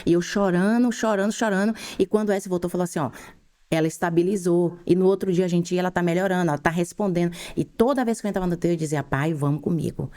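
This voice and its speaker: A middle-aged Brazilian woman telling her faith testimony as a podcast guest, in fervent, rushed storytelling. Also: lowish voice, mellow. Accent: Brazilian Portuguese.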